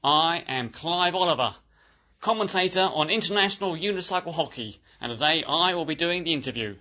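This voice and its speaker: A man's voice: fairly high pitch, lively intonation, a little fast, pushed and bright, lo-fi sound, pitched above the performer's own voice. A man voicing a boastful male sports commentator with a put-on New Zealand or Australian accent that keeps slipping. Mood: pompous. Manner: pompous, insists he is famous, accent keeps slipping.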